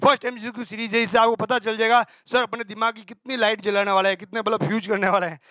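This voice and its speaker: A male teacher running a quick exam-prep accounting class, quizzing himself aloud and answering in a student's voice, with homely examples. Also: sits high, flat delivery, sharp tone, dry recording. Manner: brisk and colloquial, with homely examples.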